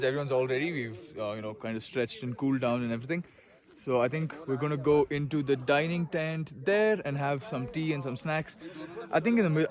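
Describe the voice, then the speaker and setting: A man narrates his trek in an informal vlog style, recorded outdoors. His voice sits at a medium pitch and he speaks as if chatting to his viewers. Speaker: trekking vlogger. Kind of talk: casual vlog to camera.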